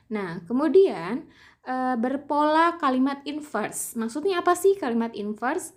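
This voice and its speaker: A high-pitched young woman teaches a recorded lesson. She moves through the material patiently, reading example sentences aloud. She often asks a question and then answers it herself.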